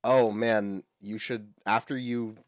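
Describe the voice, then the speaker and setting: A man's voice: on the low side, fairly even intonation, slow pace, dry recording, studio quality. A man co-hosting a casual podcast, joking and laid-back. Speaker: podcast co-host.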